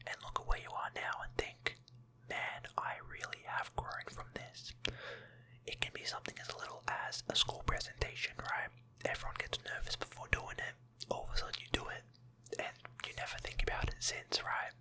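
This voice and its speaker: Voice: brisk, rough recording. A person giving an informal, encouraging motivational pep talk in an ASMR whisper. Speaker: ASMR motivational content creator.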